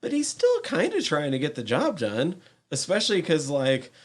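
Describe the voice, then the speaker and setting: A man's voice: on the high side, huge pitch swings, normal speed, husky. A man co-hosting a podcast, chatting casually and easily with short agreeing replies. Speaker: podcast co-host. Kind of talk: casual review chat.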